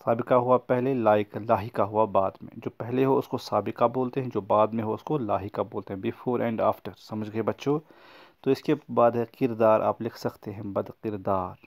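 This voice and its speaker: A man records a lesson for young pupils, speaking in a fairly low register. He explains each word patiently and repeats key points so that children can follow. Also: fairly even intonation, a little mellow. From Kashmir. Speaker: teacher.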